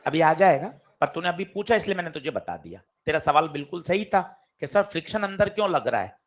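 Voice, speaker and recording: High-voiced male physics teacher lecturing. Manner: lively, addresses students directly with questions. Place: classroom. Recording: dull lo-fi classroom recording.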